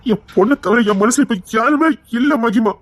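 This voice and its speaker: A man playing a rough but remorseful husband who earnestly begs his wife to leave, in an audio drama. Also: extremely high pitch, brisk, background noise. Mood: pleading. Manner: earnest, pleading, sorrowful. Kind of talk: Tamil audio story acting.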